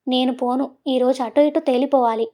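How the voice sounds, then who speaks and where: A bold young woman in a romantic audio story teases and coaxes the man she loves, playful and pushy, as a woman narrator puts her on. Her voice is high and mellow. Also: fairly even intonation, moderate pace, natural voice. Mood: insistent. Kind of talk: storybook voice acting.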